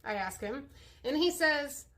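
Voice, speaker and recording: A woman's voice: high-pitched, expressive, unhurried, a bit bright. Wry woman telling an anecdote. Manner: wry, matter-of-fact storyteller. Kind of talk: storytelling to camera.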